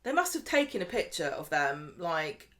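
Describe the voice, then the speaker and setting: A woman co-hosting a podcast, chatting casually and complaining in an incredulous, animated way. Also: sits low, normal speed. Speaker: podcast co-host. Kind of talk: casual chat.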